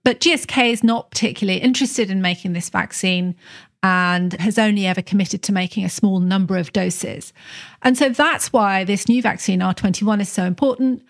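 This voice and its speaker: A woman correspondent explaining a topic in a clear, measured way during an interview. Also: mid-range voice. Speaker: correspondent, guest.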